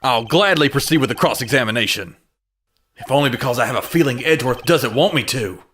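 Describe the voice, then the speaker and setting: Over background music, a man does fan dub game voice acting as an earnest young male defense attorney, sounding determined and exclaiming and stammering whenever he's caught off guard. His voice is medium-pitched, expressive, brisk, fairly bright and slightly rough.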